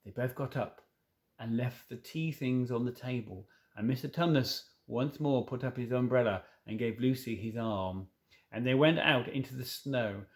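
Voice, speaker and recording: A man narrating a children's story as a reader, somewhat haltingly, correcting himself now and then. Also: mid-range voice. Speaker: audiobook reader.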